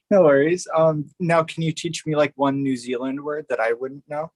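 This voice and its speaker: A man's voice: on the high side, steady tone, normal speed, no echo. A man hosting a podcast in casual interview chat, easygoing and laughing a lot, filling with "like" and "you know". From Canada. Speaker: podcast host.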